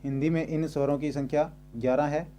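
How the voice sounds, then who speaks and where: A man's voice: a little high, steady tone, mellow, a little hiss or hum. A man teaching a grammar lesson, explaining step by step and repeating points as he goes. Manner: repeats and rephrases slowly.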